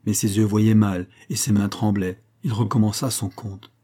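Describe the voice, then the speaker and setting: A man narrating a classic novel chapter in a measured, even way. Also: fairly low pitch, breathy edge. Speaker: audiobook narrator. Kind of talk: scripted literary narration.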